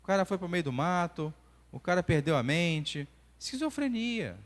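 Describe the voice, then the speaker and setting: A Brazilian man in his forties teaches a church lesson, his voice sitting a little high and swinging up and down as he tells stories. He keeps breaking into the voices of the people he describes. The sound carries the long echo of a church hall. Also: normal speed. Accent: Brazilian Portuguese. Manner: animated storytelling, acting out dialogue. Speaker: church class teacher and doctor.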